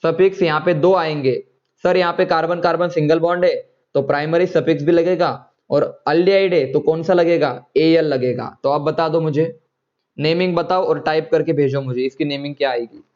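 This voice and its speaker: A man's voice: fairly high pitch, fairly even intonation, normal speed, darkish tone, dull audio. A man teaching chemistry in an online class, coaxing students and checking often whether they follow.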